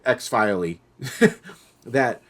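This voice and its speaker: Speaking extremely slowly in a lowish voice, a middle-aged man hosts a podcast and spins stories through relaxed conversation. He brings them to life by performing the voices of the characters involved.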